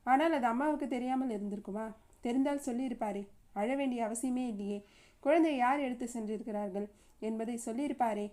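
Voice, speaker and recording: A woman reading the part of a young mother in a storybook reading, frantic with worry and firing off urgent questions. The voice sits fairly high, with a soft, mellow tone. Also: brisk, close to an everyday voice. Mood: anxious. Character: anxious young mother searching for her baby.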